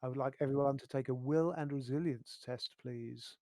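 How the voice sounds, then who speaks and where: A man running a tabletop roleplaying game as game master, speaking haltingly with pauses mid-sentence. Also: medium pitch, fairly even intonation, a little mellow, no echo.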